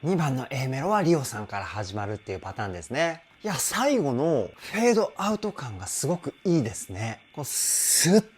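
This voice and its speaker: Lively enthusiastic male vocal coach. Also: mid-range voice, fairly quick, hardly any pauses, breathy edge. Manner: enthusiastic, explanatory, frequent praise. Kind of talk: reaction video vocal analysis commentary.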